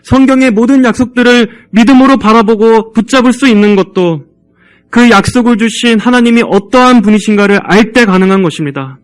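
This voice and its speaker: High-voiced pastor preaching earnestly. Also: male voice, clean tone. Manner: earnest, exhorting, measured delivery. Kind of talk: sermon. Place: church.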